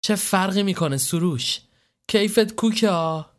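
A man voicing a weary, sharp-tongued young woman. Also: high-pitched, pitched above the performer's own voice, close to an everyday voice. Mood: dismissive.

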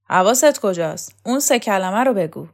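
Woman reading as a sharp-tongued bossy woman who barks orders, raising her voice higher and louder than the narration. It sounds like a storybook audiobook. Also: animated. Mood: scolding. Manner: barking, scolding. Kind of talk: audiobook character voice.

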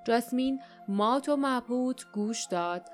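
A woman reading an adventure story aloud as an audiobook narrator, with steady storytelling. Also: on the high side, faint music behind. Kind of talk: scripted narration.

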